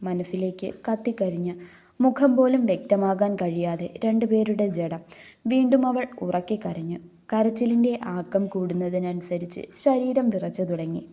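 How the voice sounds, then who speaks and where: A woman narrating a love story in a steady, earnest reading style. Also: medium pitch, moderate pace.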